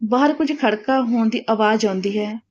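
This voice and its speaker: A woman storyteller reading a story aloud, in a plain, steady way. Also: a little high, normal speed. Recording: dull lo-fi recording.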